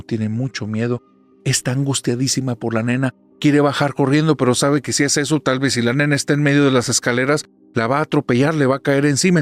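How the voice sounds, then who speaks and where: A man with a gravelly, creaky voice at a middling pitch tells a horror story. His telling is suspenseful and dramatic, with faint music playing underneath. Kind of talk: spoken horror story narration.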